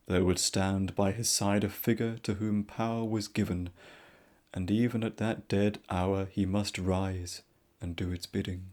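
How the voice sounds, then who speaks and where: A soft-spoken man narrating a classic story in a slow, measured manner. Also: fairly low pitch.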